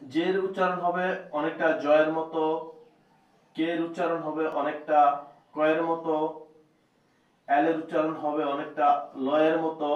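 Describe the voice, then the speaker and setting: A man teaching a slow spoken lesson and repeating each point several times. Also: on the high side. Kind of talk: spoken lesson on reading letters. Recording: echoey, distant, dull lo-fi room sound.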